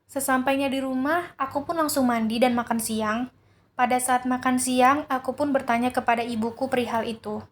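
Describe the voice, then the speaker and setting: A woman narrating a first-person horror story in a steady, earnest way. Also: high-pitched, moderate pace.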